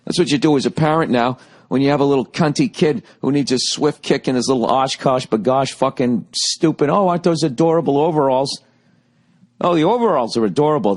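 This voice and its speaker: This Boston-accented man in his forties, hosting a podcast, rambles through a profane, sarcastic comic monologue. His voice is medium-pitched with a darkish tone and has grown slightly hoarse.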